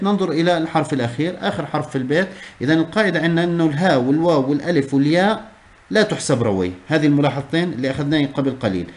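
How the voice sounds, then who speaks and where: A man teaching a class, explaining step by step and repeating key terms. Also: fairly high pitch. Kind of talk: classroom lesson on Arabic prosody.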